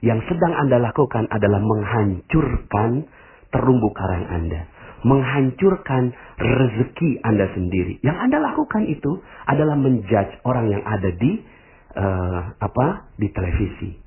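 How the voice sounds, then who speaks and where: A man giving a motivational religious radio talk, speaking to his listeners directly and acting out the people he quotes in a higher voice. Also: lively intonation, normal speed, breathy edge. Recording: tinny phone-like radio broadcast.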